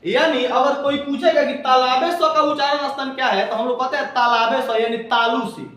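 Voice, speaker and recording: A man's voice: very high-pitched, steady tone, normal speed, fairly bright tone, slight background noise. A man teaching a grammar lesson, drilling points over and over with call-and-response questions. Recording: very echoey room, distant mic.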